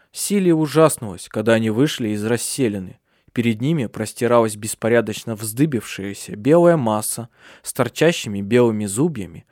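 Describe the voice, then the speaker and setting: A man narrating a dark fantasy audiobook in a measured, expressive reading. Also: mid-range voice, no echo, clean studio sound.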